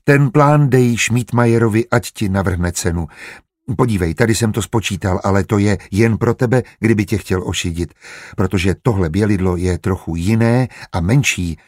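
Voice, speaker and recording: A man's voice: on the low side, darkish tone, no echo, clean studio sound, close to an everyday voice. A man reading a kindly, eager steward. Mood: helpful. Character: good-natured, learned male estate steward. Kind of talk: audiobook character reading.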